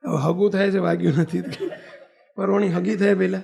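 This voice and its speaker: Man, storytelling sermon, high voice, gravelly edge, acts out dialogue. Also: fairly quick. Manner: animated storyteller acting out villagers and God in dialogue, with colloquial asides. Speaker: spiritual leader giving a religious discourse.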